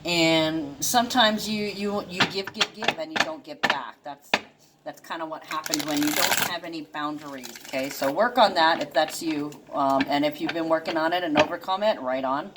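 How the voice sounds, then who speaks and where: A woman's voice: low-pitched, normal speed, very noisy. A woman giving a casual, rambling astrology reading, full of fillers and restarts and now and then chuckling. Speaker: intuitive astrology reader. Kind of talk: casual monologue.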